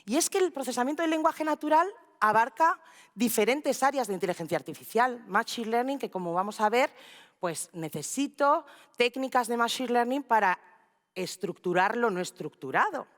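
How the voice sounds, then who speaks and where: A woman giving a lively, playful conference talk and acting out quoted voices as she explains. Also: a little high, moderate pace. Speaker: speaker. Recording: reverberant hall.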